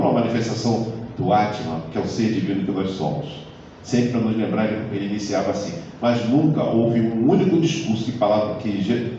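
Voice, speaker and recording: A man's voice: lowish voice, mellow, a little hiss or hum. Man lecturing in an echoey hall. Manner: conversational, often adds tag questions. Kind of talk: live lecture to an audience. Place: lecture hall of a community center. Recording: echoey hall recorded from far off, dull sound.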